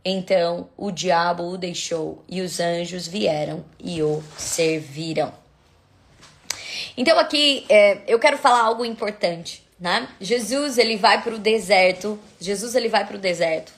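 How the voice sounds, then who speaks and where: A Brazilian woman hosting a devotional live stream, moving from soft prayerful murmurs into lively preaching. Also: on the low side, unhurried. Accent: Brazilian Portuguese.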